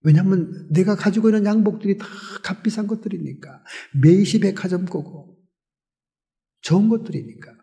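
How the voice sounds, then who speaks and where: A pastor putting on a humble young man from a poor family who gently explains himself. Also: high-pitched, moderate pace, gravelly, in a large hall. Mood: gentle.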